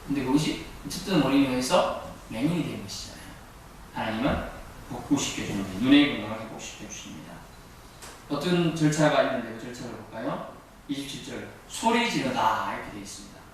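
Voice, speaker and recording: The preacher, a middle-aged man, speaks animatedly and fairly quickly in a mid-range voice, throwing questions at his congregation and supplying the answers. His sermon echoes through the church hall, picked up from afar with a little background noise.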